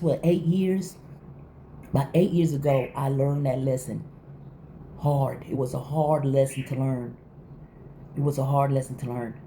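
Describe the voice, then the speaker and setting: With a deep, dark-toned voice, a middle-aged woman vlogs in a frank, casual chat with her audience. She speaks emphatically, repeats herself, and performs quoted lines, over faint background noise.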